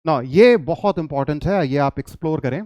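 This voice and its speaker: A man's voice: a little high, fairly quick, darkish tone, no room sound, clean studio sound. A man teaches English grammar in Hindi mixed with English, patiently putting questions to his class and answering them himself.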